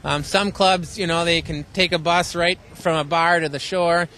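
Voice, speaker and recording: An American man giving a casual interview as an event organizer, modest and plain-spoken with a halting delivery. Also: fairly high pitch, fairly even intonation, bright, forceful tone.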